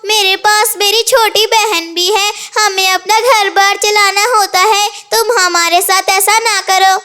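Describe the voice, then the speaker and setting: Gentle cartoon sparrow girl, voiced by a woman, very high bright voice, slow and plaintive. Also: steady tone, heavily acted. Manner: pleading, plaintive. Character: sad young female sparrow, gentle.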